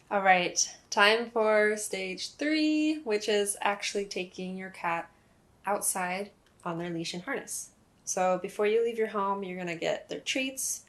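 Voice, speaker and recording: A young woman in a casual instructional vlog, explaining pet training in a friendly, chatty way with occasional fillers. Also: mid-range voice. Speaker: cat owner explaining leash training.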